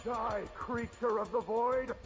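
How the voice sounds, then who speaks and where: Menacing guard barking loud demands, high-pitched. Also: male voice, fairly even intonation, slow, creaky, exaggerated voice. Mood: fanatical, menacing. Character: menacing zealous male guard hunting an intruder. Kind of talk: video game enemy barks. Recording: game audio under loud music. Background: loud game music.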